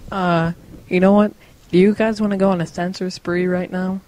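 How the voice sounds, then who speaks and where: A man's voice: sits high, little pitch movement, normal speed, a little mellow, low-quality recording. A teenage boy hosting a casual podcast with friends, teasing and joking. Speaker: podcast host. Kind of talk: casual chat among friends.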